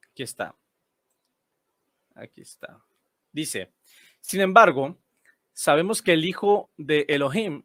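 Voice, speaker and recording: Guy walking thru bible versions on screen, kinda high voice, dry close sound, keeps asking "right?". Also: a bit bright, no room sound. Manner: explanatory, repeats key phrases, checks in with "right?". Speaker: Bible teacher. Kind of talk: screen-share Bible study explanation.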